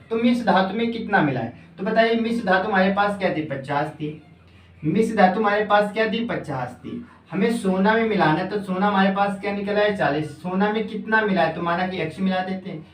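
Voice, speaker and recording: A coaching-class teacher giving an exam-prep math lesson, asking questions and answering them, repeating phrases slowly as if dictating. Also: medium pitch, distant mic. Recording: echoey room, voice off-mic.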